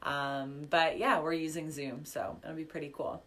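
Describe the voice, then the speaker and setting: A woman with a low voice leads a live online workshop as a business coach. She talks in a chatty, upbeat way full of "um" and "like", and her voice is a little worn, as if she is losing it. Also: fairly even intonation, measured pace. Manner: chatty, upbeat, filler-heavy, reading chat comments aloud. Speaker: business coach and podcast host.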